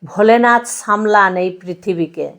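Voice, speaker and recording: A woman's voice: mid-range voice, normal speed, a bit bright. A woman giving a devotional sermon, stressing her points in repeated parallel phrases and asking her listeners rhetorical questions. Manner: repetitive emphatic preaching lists. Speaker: religious speaker.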